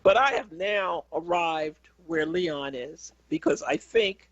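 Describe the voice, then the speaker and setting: A woman hosting a radio talk show, giving deliberate commentary with frequent pauses. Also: lowish voice, expressive, no echo. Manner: deliberate, gravelly, pausing with ums. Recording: dry, slightly dull studio mic.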